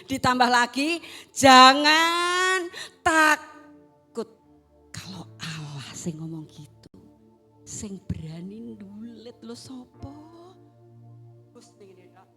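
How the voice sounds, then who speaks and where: A woman with a Javanese accent preaching a sermon, swinging between loud exhortation and hushed asides. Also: mid-range voice, animated, takes it slowly, faint music behind. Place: church service.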